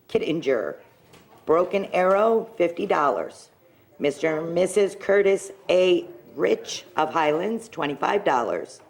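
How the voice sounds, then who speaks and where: A woman with a lowish, darkish voice and vocal fry speaks into a handheld microphone in a television telethon studio. A local business owner donating to the telethon, she first chats eagerly about her donation, then reads donor names and amounts aloud, tripping over hard names and apologizing.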